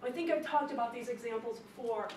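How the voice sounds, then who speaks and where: A woman's fairly high voice gives a classroom speech lesson, emphatic and lively, often driving a point home by repeating it. She is heard from a distance in an echoey room, with steady noise underneath. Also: quick pace. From not from the Chicago area. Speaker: teacher.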